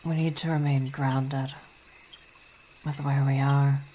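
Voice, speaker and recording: Performing ASMR roleplay as a weary, devoted vampire queen and wife, a woman whispers softly in a very low, flat voice that sounds worried and earnest. Her delivery is halting and reflective, with sighs, over faint crickets and a little hiss or hum.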